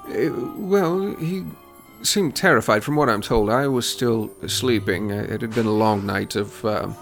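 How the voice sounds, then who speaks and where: Guy doing an evasive polite elf noble in a tabletop game, hesitant, kinda low and creaky. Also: faint music behind. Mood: uneasy. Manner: hesitant, halting. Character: courteous married male elf noble, evasive. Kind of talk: tabletop role-play character voice.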